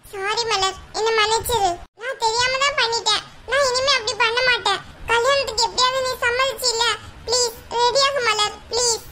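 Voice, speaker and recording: A woman voicing a gentle older sister in a cartoon, soft and pleading. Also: very high voice, fairly quick. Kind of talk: cartoon voice acting.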